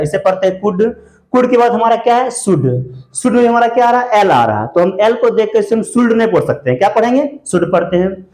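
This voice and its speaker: A man teaching a grammar class, often posing questions to the students and answering them himself, and saying words slowly and repeating them. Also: high voice, darkish tone. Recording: echoey room.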